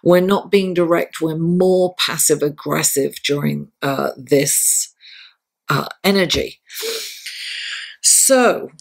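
A middle-aged woman with a slightly raspy voice giving a measured horoscope and tarot reading to camera. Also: sits low. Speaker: astrologer and tarot reader, host. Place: indoors, seated at a table.

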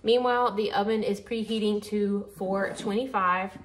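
Speaking at normal speed with a medium pitch, this woman hosts a home cooking video in a chatty, relaxed way, talking through casual cook-along instructions as her hands stay busy at the counter. The shot comes from an overhead camera over the counter, and heavy background noise of clinking dishes and pans runs throughout.

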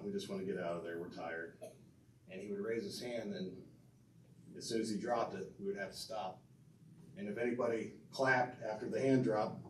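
A middle-aged man with a low, slightly mellow voice stands at a banquet-room podium delivering a prepared, earnest tribute that inducts his father into a hall of fame, reading from notes with fillers, restarts, and asides to listeners. A distant camera captures his podium mic, so the sound is roomy and far off with faint room noise.

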